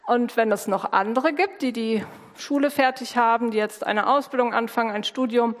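A woman hosts an event, talking warmly to children and coaxing them up front. Her voice sits a little high. It rings out in a reverberant hall over a faint crowd. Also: slight background noise. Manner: warm coaxing, speaks to kids directly. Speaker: host of a school-start service. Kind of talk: lively hosting, addressing children. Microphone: handheld microphone.

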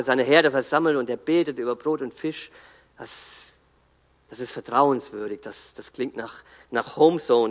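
A man preaching a sermon in an earnest, emphatic way, pausing and restarting as he builds his points. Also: medium pitch. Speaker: guest preacher. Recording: long hall reverb.

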